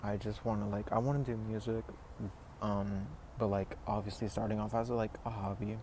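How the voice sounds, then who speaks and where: A man's voice: fairly low pitch, little pitch movement, moderate pace, darkish tone. A man of twenty talking casually to camera, rambling and reflective, with many "like"s and "you know"s. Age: 20s. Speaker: vlogger. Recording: noisy background ambience.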